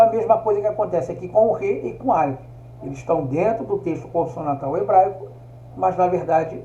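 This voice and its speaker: A man with a high but mellow voice teaches a recorded lesson, walking through each point patiently and checking in with listeners. He sounds like he's in an echoey room. The recording is dull and lo-fi. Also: a little hiss or hum. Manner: explanatory, often checks in with "tá?".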